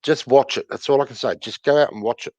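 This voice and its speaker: A man's voice: medium pitch, quick pace, darkish tone, no room sound, lo-fi sound. A man in casual group chat, blunt and enthusiastic, swearing freely. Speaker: chat participant.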